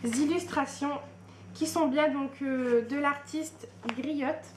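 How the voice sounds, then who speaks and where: A woman's voice: high-pitched, steady tone, slow pace. A young woman chatting casually through an unboxing, hesitant and full of fillers. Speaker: book and tea vlogger. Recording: echoey room with faint hiss.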